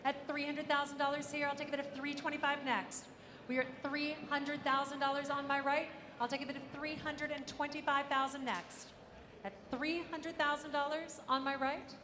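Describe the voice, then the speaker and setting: High-pitched woman auctioneer in an echoey hall. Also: flat delivery, moderate pace. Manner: auctioneer's repetitive bid calling. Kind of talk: live auction calling. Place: large auction room. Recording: echoey hall, ambient noise.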